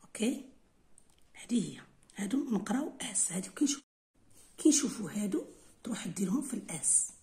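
A woman's voice: medium pitch, expressive, fairly quick, long pauses, dark tone. A woman English teacher with an Algerian Arabic accent, going through an exam correction step by step and switching between Arabic and English.

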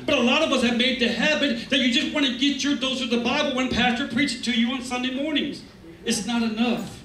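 The sermon comes from a middle-aged male pastor whose very high voice is pushed and bright, steady in tone and fairly quick, with a little hiss or hum in the audio. Handheld mic in hand on the stage of a medium indoor church hall, he preaches emphatically and conversationally with asides to the congregation, recorded in an echoey room by a camera set far back.

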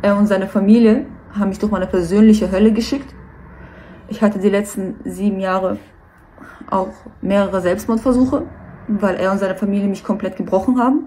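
A woman's voice: medium pitch, steady tone, normal speed, warm tone, slight background noise. A nervous woman giving a personal statement to camera, earnest and hesitant.

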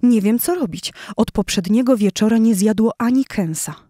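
A woman's voice: on the high side, normal speed, warm tone, no echo, clean studio sound, voice pushed up, lightly acted. Woman doing a furious lioness mother. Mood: anxious. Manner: scolding, roaring.

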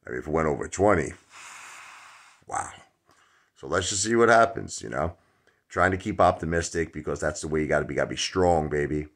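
A middle-aged Brooklyn man talks loosely into a phone held at arm's length, full of fillers and asides. His voice sits extremely low with a gravelly fry. It is a casual vlog from a dark room at home. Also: expressive, fairly quick, long pauses. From Brooklyn, New York. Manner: rambling, chatty, many fillers. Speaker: stock vlogger. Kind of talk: casual chat to camera.

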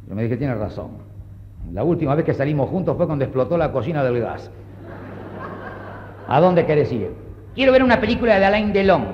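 A man performing a stand-up comedy monologue in a dry, understated deadpan manner. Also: a little high, lo-fi sound. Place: stage before a live audience. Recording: live show with audience and faint noise.

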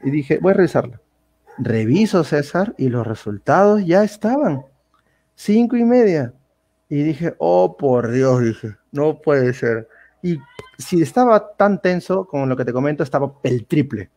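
A young man, a guest telling his story in a casual, animated interview and acting out the dialogue. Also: a little high, moderate pace. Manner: animated retelling full of quoted dialogue.

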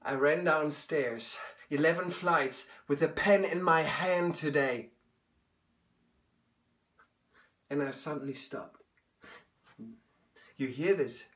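A man in his thirties or forties playing an anguished, bitter grown son in an intense stage monologue, speaking emphatically with halting pauses. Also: high voice, very animated, bright, forceful tone, heavily acted. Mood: tense, hushed. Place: small indoor room.

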